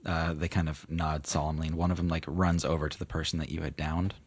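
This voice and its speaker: A man narrating a tabletop game as game master in a casual, halting, improvised way. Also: extremely low pitch, little pitch movement, husky.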